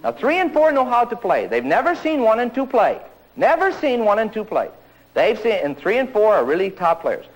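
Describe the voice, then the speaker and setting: A man giving an energetic tennis lesson, joking and acting out players' voices. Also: high-pitched, normal speed, rough recording. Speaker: tennis coach. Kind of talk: energetic tennis instruction talk.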